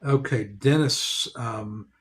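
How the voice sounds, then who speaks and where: A man's voice: medium pitch, takes it slowly. Man explaining with frequent fillers. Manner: explains in a practical way, many "you know" fillers. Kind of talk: explanatory casual discussion.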